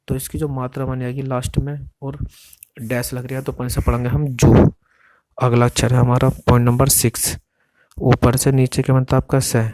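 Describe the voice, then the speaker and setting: Flat-voiced man teaching shorthand. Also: mid-range voice, no room sound. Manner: patient, explains each stroke slowly and repeats readings. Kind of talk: step-by-step classroom instruction.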